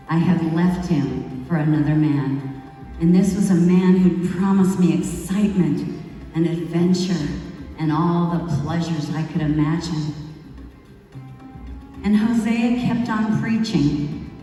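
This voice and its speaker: A woman performing a first-person monologue as a wayward young biblical wife who has become remorseful, telling her story slowly and reflectively with dramatic pauses. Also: fairly low pitch, dark tone. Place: large hall at a retreat. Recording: echoey hall from far off, faint music.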